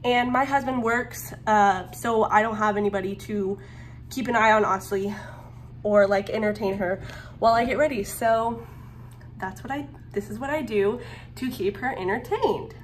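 Holding her phone at arm's length by a small guest bathroom, a twentysomething stay-at-home mom records a relaxed get-ready-with-me video, talking in a medium pitch at a moderate pace. She's chatty and slightly rambling, with fillers and restarts, while an air conditioner hums and faint fan noise runs in the background.

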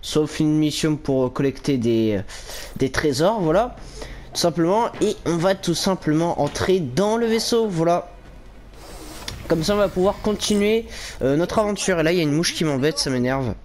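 A young man chats his way through a video game in an easygoing let's-play. His voice sits slightly high, and he rambles with plenty of fillers. A faint hiss runs under the home mic. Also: animated, a little mellow. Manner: chatty, rambling, lots of fillers and quick laughs. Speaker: gaming YouTuber. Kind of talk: casual let's-play commentary.

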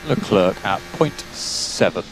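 A man working as a race engineer, giving clipped, calm, terse pit radio calls over a team radio link. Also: sits low, takes it slowly. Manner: clipped, calm, procedural instructions. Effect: team radio transmission. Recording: noisy radio link with vehicle hum.

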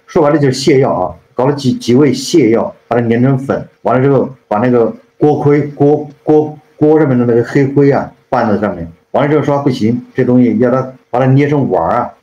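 A man's voice: mid-range voice, fairly quick, hardly any pauses, warm tone. A man casually retelling a classic novel, rambling with many repeated fillers and tag questions. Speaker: storyteller, channel host. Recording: roomy, slightly dull sound.

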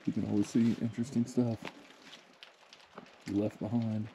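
Gravelly low-voiced man hiking. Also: little pitch movement, normal speed, noisy background. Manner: laid-back, chuckles often. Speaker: hiking vlogger. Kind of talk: casual trail narration. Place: outdoors in a forest among boulders.

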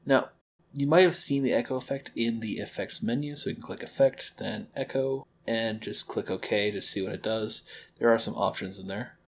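A young man hosts a library tutorial from home, walking through audio editing step by step in a friendly manner. His voice is on the low side and creaky, delivered at a moderate pace, with slight background noise. He is the library program host, giving a software tutorial indoors in a home kitchen-living room.

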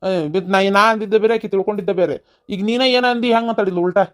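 A woman voicing a brisk, exasperated young villager in a cartoon with a North Karnataka accent. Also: mid-range voice, lightly acted. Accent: North Karnataka Kannada.

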